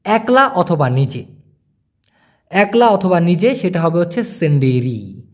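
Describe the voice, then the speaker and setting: High-voiced man teaching words patiently. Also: sing-song. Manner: explains patiently, repeats words slowly, asks "clear?". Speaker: language teacher. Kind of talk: casual spoken language lesson.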